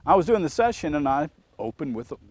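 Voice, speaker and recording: A man who trains auditors, telling a work anecdote in an animated, casual storytelling way. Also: fairly high pitch, fast, slight background noise. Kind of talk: storytelling talk.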